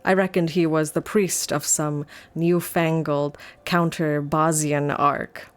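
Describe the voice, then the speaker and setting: A woman reading a sci-fi novel aloud on a live stream, her voice sitting a little low. She moves easily between steady narration and chatty, rambling asides full of "like". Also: slow.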